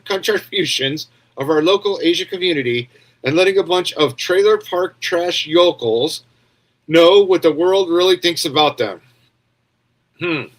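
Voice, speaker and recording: A man's voice: on the high side, a bit bright. A man hosting casual commentary on video clips, talking in a crude, rambling, sarcastic way with frequent "yeah?" tags. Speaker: commentary host.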